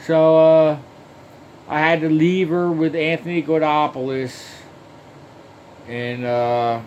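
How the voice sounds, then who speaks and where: A man drawls through a long personal story at an unhurried crawl, and nearly every sentence carries a curse word. He stumbles, repeats himself and circles back, filling the gaps with "uh" and "like". A faint hum of background noise sits behind his voice. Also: a little high, little pitch movement, a little mellow, highs cut off. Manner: heavily profane, rambling, with frequent restarts and fillers. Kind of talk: rambling first-person story monologue.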